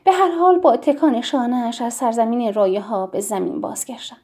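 A woman narrating a novel as an audiobook, in a hushed, intimate reading that drops to a whisper. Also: a little high.

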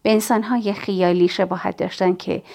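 A woman's voice: mid-range voice, steady tone, creaky, dark tone. Woman reading an audiobook. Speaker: audiobook narrator. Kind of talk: scripted first-person narration.

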